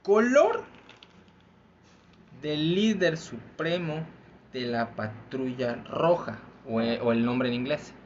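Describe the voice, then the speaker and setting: A man's voice: medium pitch, lively intonation, slow pace, long pauses. A man with a Mexican accent hosting a casual trivia game among friends, laughing often and explaining the rules at length. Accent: Mexican Spanish. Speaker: quiz host. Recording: muffled with faint background noise.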